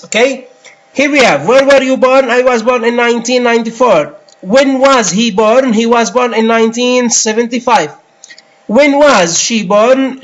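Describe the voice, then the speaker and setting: High-voiced man teaching English. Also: a bit bright, dull audio. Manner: explains in Arabic and English, pausing with many fillers. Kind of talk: screen-recorded English lesson.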